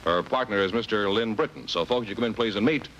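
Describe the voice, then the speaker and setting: A man announcing scores and introducing contestants on a quiz show, brisk and formal. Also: on the low side, fairly bright tone, muffled recording, a little hiss or hum. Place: television studio.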